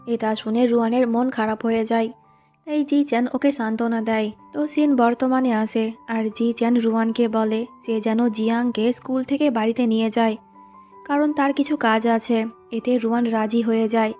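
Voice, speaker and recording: Woman narrator, higher-pitched and mellow, plain story recap with faint music underneath. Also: steady tone, moderate pace. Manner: plain recounting, reads quoted lines in the same voice.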